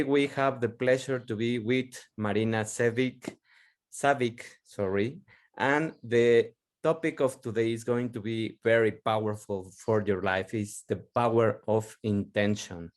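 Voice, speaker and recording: A man hosting a podcast interview, talking in a halting way and repeating himself. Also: lowish voice, darkish tone. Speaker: podcast host.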